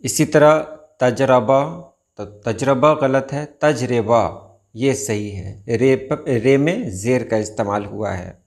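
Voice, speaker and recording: A man teaching correct Urdu pronunciation, repeating each word slowly and carefully. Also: mid-range voice, lively intonation, creaky. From India. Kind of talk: pronunciation lesson.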